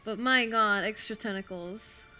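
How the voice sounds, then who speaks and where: A woman's voice: mid-range voice, measured pace, bright, forceful tone, faint music behind. A woman with a German accent streaming a game, chatting casually, thinking aloud and answering her chat. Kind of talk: casual gameplay commentary.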